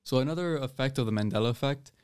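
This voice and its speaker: A man's voice: medium pitch, fast, darkish tone, clear, resonant tone, no echo, soft background music. A teenage boy with an American accent hosting a student podcast, rambling casually with many fillers and restarts. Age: teens. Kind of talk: casual chat.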